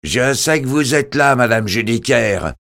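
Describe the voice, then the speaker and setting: Brief: man doing a sardonic male debt collector, raised voice, lively swings, gravelly edge. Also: mid-range voice, unhurried, no room sound, studio quality, voice pushed up. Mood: insistent. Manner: insistent, calling out loudly.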